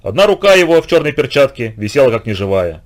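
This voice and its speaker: A man reading a story aloud in a steady, expressive audiobook narration. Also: medium pitch, quick pace.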